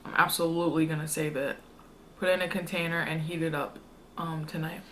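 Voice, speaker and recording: A woman's voice: sits low, level tone, a little fast, fairly bright tone, a little hiss or hum. A young woman chatting casually to her viewers as a food vlogger, in an informal, slangy, rambling way. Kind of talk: casual mukbang chat to viewers.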